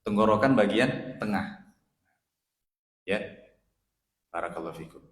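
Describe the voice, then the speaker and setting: A male ustadz teaching Quran recitation in a mosque study session, patiently correcting pronunciation and chanting Arabic phrases slowly. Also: fairly low pitch, lively intonation. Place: mosque hall. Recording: echoey mosque hall, roomy reverb.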